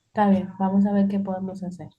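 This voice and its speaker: A woman's voice: mid-range voice, monotone, fast talker, phone-quality sound. A woman teaching English in an online class, explaining patiently and repeating key points.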